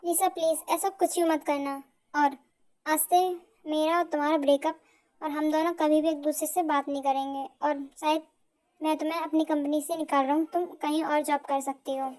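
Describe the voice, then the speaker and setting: Girl doing a young husband voice, cold n evasive, still kinda high pitched. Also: flat delivery, moderate pace, darkish tone, natural voice. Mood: firm. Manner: hesitant, evasive, then firm. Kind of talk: amateur fan audio drama.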